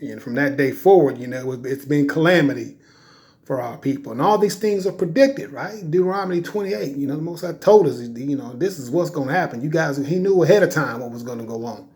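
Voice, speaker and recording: A man delivers a relaxed religious lesson in a slightly higher-than-usual voice. He leans on the key phrases, drawing them out slowly, and tags almost every point with "right?" or "okay?" as if checking his listeners follow. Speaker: religious teacher. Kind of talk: informal religious teaching over slides.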